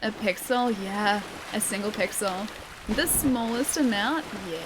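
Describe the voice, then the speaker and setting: An Australian woman streams a video game with some background noise, her mid-range voice moving at a measured pace. She chats casually with viewers, reads their messages aloud and laughs often in this relaxed gaming live stream.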